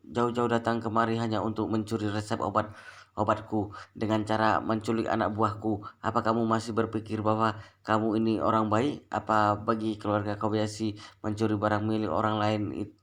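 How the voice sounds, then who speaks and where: A man doing a calm, mocking young schemer. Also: lowish voice, moderate pace, close to an everyday voice. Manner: mocking, contemptuous.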